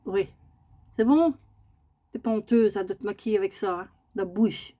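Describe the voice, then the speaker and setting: A woman's voice: mid-range voice, moderate pace, warm tone. A woman, chatting casually in a home vlog and often cooing at her pet bird in a raised sing-song voice. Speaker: vlogger.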